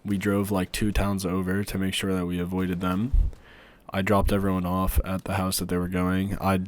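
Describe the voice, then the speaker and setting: Young man, very monotone, low voice, casual storytime delivery, blunt and sweary. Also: moderate pace. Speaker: video storyteller.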